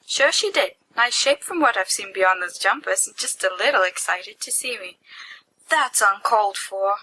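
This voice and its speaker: Reading fiction at a moderate pace, a woman with a medium-pitched, animated voice sounds pushed and bright. As an amateur podfic reader, she playfully dramatizes giddy young men's dialogue with character voices; the home recording is poor, with faint background noise.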